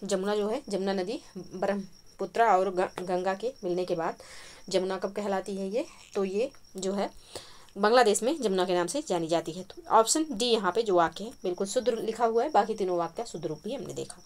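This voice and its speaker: Steady woman explaining test answers. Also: mid-range voice, brisk. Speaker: Hindi exam-prep teacher. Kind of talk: spoken quiz lesson. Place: home at night, street noise outside.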